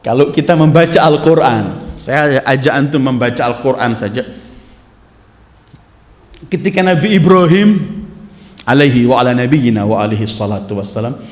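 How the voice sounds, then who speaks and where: A man giving a sermon of Quran commentary, animated and rising to loud, emphatic recitation of verses. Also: medium pitch, moderate pace, pauses often. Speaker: Islamic preacher. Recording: echoey hall.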